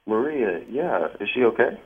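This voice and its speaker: A man's voice: medium pitch, very animated, normal speed, husky. A man on a phone call to a radio show who sounds hesitant and sheepish, stammering as he explains himself. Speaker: caller. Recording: phone line.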